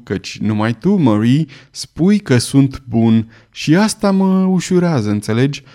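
A man's voice: medium pitch, darkish tone, close to an everyday voice. A man voicing an anxious, frail young king. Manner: pleading, feverish.

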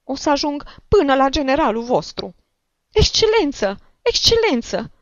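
A woman voicing a pushy, indignant old woman petitioner with a shrill, squeaky voice, on a dull lo-fi recording. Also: big pitch swings, dry recording. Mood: outraged. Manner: whining, indignant, loud.

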